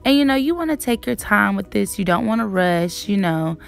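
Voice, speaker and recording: A woman's voice: medium pitch, lively intonation, brisk, gravelly, faint music behind. A young woman giving a casual makeup tutorial narration in a chatty way, repeating words for emphasis. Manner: chatty, emphatic word repetition. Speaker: beauty vlogger.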